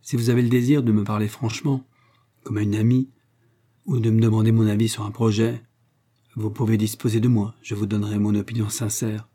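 A man reading a novel aloud, voicing a lively, quick-witted young woman in his own low voice. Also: natural voice. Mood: polite. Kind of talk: audiobook character reading.

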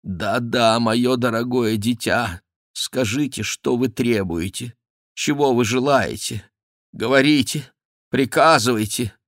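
A man voicing an aging, scheming queen mother who pleads with her son in a raised, drawn-out way. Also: medium pitch, a bit bright, no room sound, clean studio sound, pitched above the performer's own voice. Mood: imploring.

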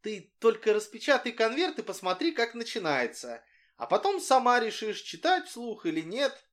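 A man voicing a clever schoolgirl who coaxes a classmate gently and slyly. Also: very high voice, big pitch swings, normal speed, voice pushed up, full character voice. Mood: coaxing. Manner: coaxing. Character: clever schoolgirl, coaxing and sly.

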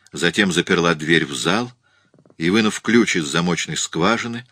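Deep-voiced man narrating a story. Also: bright, forceful tone, no room sound, studio quality. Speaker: audiobook narrator. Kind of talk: scripted narration.

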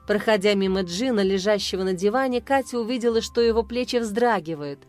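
A woman narrating a romance novel in an even storytelling voice. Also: mid-range voice, brisk, faint music behind.

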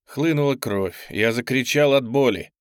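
A man narrating an audiobook in an even, measured reading voice. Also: mid-range voice, clear, resonant tone, no room sound, studio quality.

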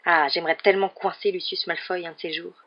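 A woman voicing an excitable, enthusiastic balding wizard father in an audiobook reading. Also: lowish voice, fast, dull audio, lightly acted.

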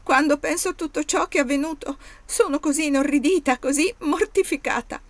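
A woman reader voicing a tearful young maid with a high, pleading voice in a storybook reading. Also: fairly quick, dry recording, natural voice. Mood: distressed.

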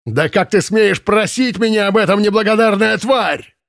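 A man reading the part of a drunk, raging male Nazi camp commandant in an audiobook, shouting and ranting in a bullying, unhinged way. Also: very animated, very slow, gravelly, no echo, clean studio sound, heavily acted. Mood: furious. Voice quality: shrill, furious shouting.

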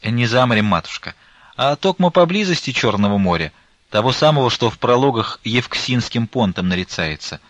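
A man voicing a patient, educated man who calmly explains things to an old woman, in an audiobook. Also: mid-range voice, normal speed, no echo, lo-fi sound. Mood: explaining.

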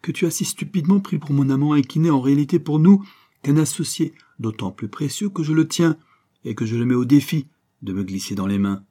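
A cunning, seductive adventuress who speaks in a coaxing, insistent way, as a man puts her on in a raised, somewhat husky register. The tone is dark and mellow rather than bright. It suits a storybook serial full of intrigue. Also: fairly high pitch, brisk, voice pushed up, close to an everyday voice. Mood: scheming. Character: scheming seductive female adventuress, persuasive. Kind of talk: audiobook character reading.

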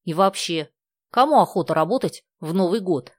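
A woman reads a sensible, prim teenage girl from an audiobook, proper and a little bossy about manners. The voice is the reader's own low one, recorded dry. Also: animated, moderate pace, darkish tone, no echo.

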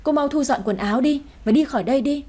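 A woman voicing a stern, quick-tempered older lady of the house who scolds and gives orders. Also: high-pitched, dark tone, close to an everyday voice. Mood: scolding. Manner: scolding, commanding.

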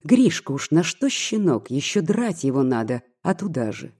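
A reader voicing a spiteful, gossiping old maid who mocks and pries, with a husky, mellow voice. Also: medium pitch, sing-song, normal speed. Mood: indignant. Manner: mocking, scolding, prying.

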